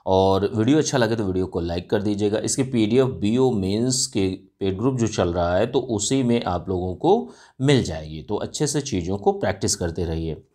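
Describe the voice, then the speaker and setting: A man's voice: on the low side, animated, normal speed, hardly any pauses, mellow. A male teacher giving an exam-prep lecture, explaining step by step and often asking and answering his own questions, with frequent fillers. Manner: frequent fillers and self-corrections.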